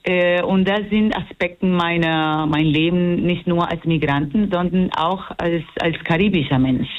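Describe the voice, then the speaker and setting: A woman's voice: fairly low pitch, a little slow. Woman, musician guest, hesitant, searching for words, muffled lo-fi sound. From Puerto Rico. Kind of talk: radio interview.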